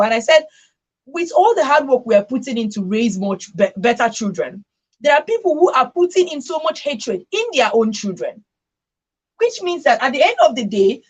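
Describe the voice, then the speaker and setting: A radio talk show host with a slightly high, breathy-edged voice leads a discussion on a rough-sounding recording. She speaks emphatically, repeating phrases to hammer her points home and checking in with listeners by asking "right?"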